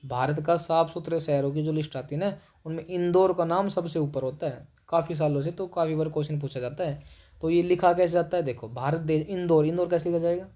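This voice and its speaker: Man teaching spelling, pitched a bit high. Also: fairly even intonation, a little fast, warm tone. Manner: spells words syllable by syllable, repeats "ठीक है", calls students "भाई". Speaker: Hindi teacher. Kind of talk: exam-prep spelling lesson.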